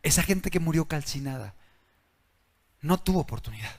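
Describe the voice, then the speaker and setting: A man preaching a sermon in a dramatic way, dropping to a hush and then shouting. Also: on the high side, animated, moderate pace. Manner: dramatic, swings between hushed and shouting.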